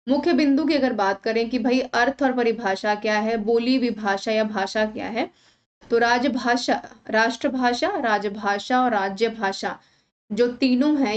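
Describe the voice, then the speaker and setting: A woman's voice: on the high side, lo-fi sound. A woman teacher talking exam candidates through practice questions, checking in with them often as she explains. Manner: talks viewers through questions, often saying "thik hai". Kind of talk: explanatory exam-prep lesson.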